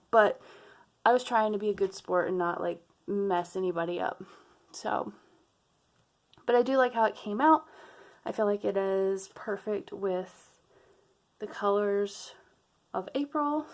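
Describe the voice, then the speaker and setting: A young adult woman vlogger, out of breath, chatting casually to her viewers and laughing between sentences. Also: mid-range voice. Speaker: planner vlogger. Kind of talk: casual chat to camera.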